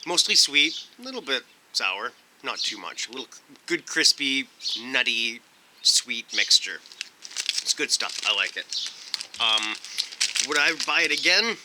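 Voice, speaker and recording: A man's voice: mid-range voice, sing-song, measured pace, pauses often, sharp tone. A man hosting a casual snack review vlog outdoors, talking in a laid-back, rambling way as he thinks aloud. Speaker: food review host. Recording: windy outdoor recording. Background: wind noise.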